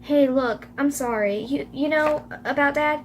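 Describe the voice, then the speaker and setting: A woman's voice: a little slow, slight background noise. A woman voicing a young girl in a story she reads aloud, pleading and screaming in panic. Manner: shrill, screaming.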